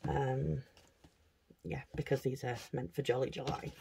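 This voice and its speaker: Low, unhurried woman chatting. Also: level tone, gravelly, dark tone, a little hiss or hum. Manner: chatty, thinking aloud while handling items. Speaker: craft vlogger. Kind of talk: casual unboxing chat.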